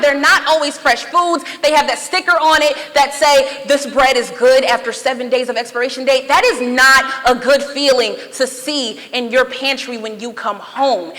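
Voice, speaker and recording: Earnest high-voiced young woman advocate. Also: pushed and bright. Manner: earnest, plainspoken, emphatic. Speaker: youth advocate panelist. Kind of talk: impassioned personal speech. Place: conference hall with audience. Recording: reverberant conference hall, audience murmur.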